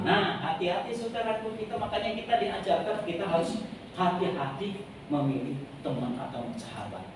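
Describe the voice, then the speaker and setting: A middle-aged man, a pastor, giving an informal, rambling sermon and leading the congregation in reading aloud. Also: medium pitch. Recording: very echoey hall, distant mic, noisy.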